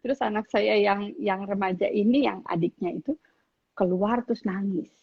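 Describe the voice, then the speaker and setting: A middle-aged woman, a guest speaker on parenting, gives casual advice to teenagers in a medium-pitched, husky voice with vocal fry at a moderate pace. She tells stories animatedly and acts out what family members say, though the audio sounds dull.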